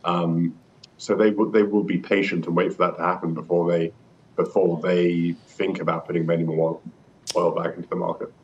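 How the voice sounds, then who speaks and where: A man speaking as an interviewed energy expert, explaining in a measured way with some hesitant repeats. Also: flat delivery, darkish tone. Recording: muffled remote line with rumbling noise.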